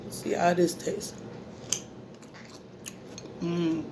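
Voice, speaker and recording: A woman's voice: on the low side, completely flat delivery, very slow, background noise. An American woman hosting a casual mukbang, chatting in a folksy, informal way between bites with savoring hums. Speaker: mukbang host. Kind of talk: casual mukbang chat while eating.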